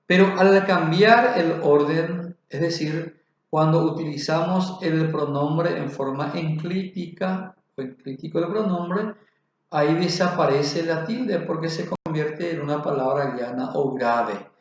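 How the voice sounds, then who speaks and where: A man giving a spoken grammar lesson, slow and deliberate, spelling out examples. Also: a little high. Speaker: teacher. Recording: very echoey, dull lo-fi room.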